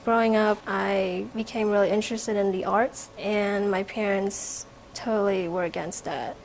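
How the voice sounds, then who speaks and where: A young woman, an art student and painter born in Vietnam and raised in America since age four, speaks reflectively in an informal spoken artist profile. Her voice is mid-range, and the poor audio has background noise.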